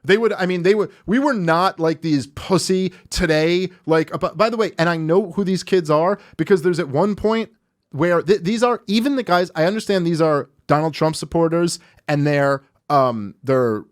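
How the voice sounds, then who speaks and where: A man with a notably high voice hosts a podcast in a fired-up, profane rant. He is in his thirties and talks into a studio mic. He mixes sarcasm with acted-out mocking quotes. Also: moderate pace. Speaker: podcast host. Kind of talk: ranting podcast commentary.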